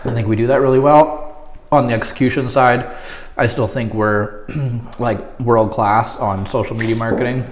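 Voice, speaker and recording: A man's voice: medium pitch, fairly even intonation, moderate pace. A man in a casual interview, struggling to talk with his mouth burning from spicy food, teary and hiccupy. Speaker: guest, marketing agency owner. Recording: roomy echo, faint noise.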